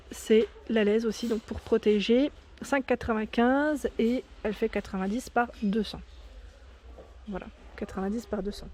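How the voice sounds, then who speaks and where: A shopping vlogger films a casual walkthrough inside a large discount store, reading out prices, sizes and labels with small fillers and self-corrections. Her voice is on the high side and warm, with a little hiss or hum in the audio.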